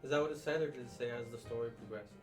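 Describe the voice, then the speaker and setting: A man's voice: mid-range voice, very fast, over music. A man chatting casually as co-commentator on a video game, with dry jokes. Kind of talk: casual let's-play chat.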